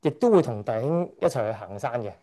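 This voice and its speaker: A middle-aged man from Hong Kong gives a church testimony during a service, his medium-pitched, mellow voice fast and animated. He sounds hesitant, often correcting himself and letting out shy chuckles.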